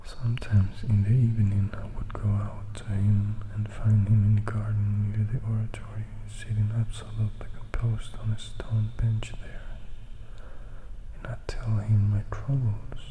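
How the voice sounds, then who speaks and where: A man with a fairly low, monotone voice reads slowly over background noise, sounding natural. He voices a melancholy, composed vampire recalling his past in a reflective, whispered storybook style. It's a whispered ASMR audiobook reading with a wistful, confiding mood.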